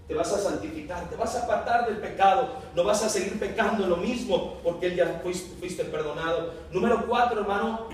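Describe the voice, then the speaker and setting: A man preaching an evening sermon, putting questions to his congregation and reading scripture aloud. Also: sits high. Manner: calls out questions and the congregation answers back; reads scripture aloud, raising his voice for dialogue. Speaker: pastor. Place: church sanctuary. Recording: very echoey hall, from a distance, faint hiss.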